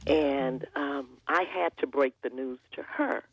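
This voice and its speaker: Older woman telling stories, husky. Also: rumbling low, slow pace, no echo, lo-fi sound. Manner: storytelling, animated quoting. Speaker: guest.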